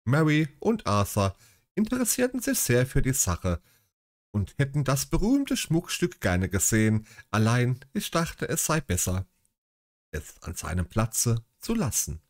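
Give me a man reading an old detective story, very expressive in pitch, with mocking asides. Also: a little slow. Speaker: audiobook reader.

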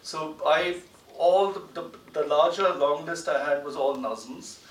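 Speaking unhurriedly in a fairly high voice, a middle-aged poet, translator and book editor gives panel remarks and a poetry reading at a public event. The setting is a large indoor lecture theatre, captured through a desk gooseneck mic at a distance, so the hall sounds roomy with faint noise.

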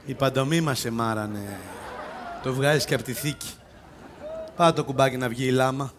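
A man's voice: mid-range voice, crowd noise, background noise, natural voice. An actor playing a bossy police self-defence instructor in a live stage comedy sketch, mocking and scolding his fellow players. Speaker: comic actor and sketch lead. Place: open-air theatre stage.

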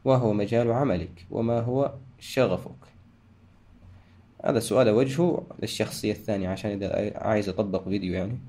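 A man hosting a software tutorial, talking through each step and correcting himself as he goes. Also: fairly low pitch, a little fast. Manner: talks through steps, frequent restarts and self-corrections. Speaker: tutorial host. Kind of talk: screen-recorded software tutorial.

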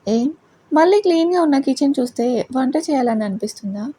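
A woman's voice: on the high side, expressive, moderate pace, dark tone, a little hiss or hum, natural voice. Woman reading a sarcastic teasing young husband. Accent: Telugu. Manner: sarcastic, bickering.

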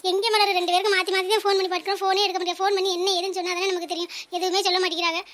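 A woman voicing a worried older mother in an animated cartoon, fretful and lamenting. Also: extremely high pitch, very fast, a little hiss or hum. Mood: anxious.

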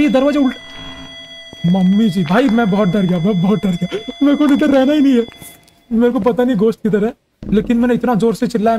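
A man's voice: sits high, a little hiss or hum, poor audio. A young man giving jokey, easily frightened commentary while playing a horror game. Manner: jumpy, jokey, often shouting in fright. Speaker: gaming streamer.

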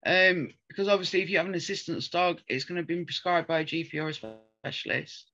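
A woman's voice: on the low side, fast, bright, forceful tone, muffled recording. Earnest rambling woman on a call. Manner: earnest, rambling with frequent ums. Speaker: podcast co-host. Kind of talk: casual chat.

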